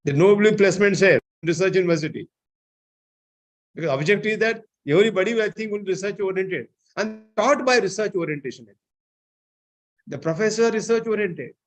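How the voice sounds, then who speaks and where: A man giving an online seminar lecture, often filling pauses with "I think, you know". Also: high-pitched. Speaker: seminar speaker.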